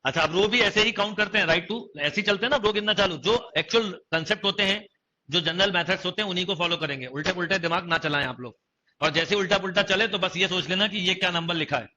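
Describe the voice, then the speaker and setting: Speaking quickly in a high, bright, forceful voice, a young man leads an online maths coaching lecture, regularly testing his students and repeating key phrases. The class recording is dull and lo-fi, with slight background noise.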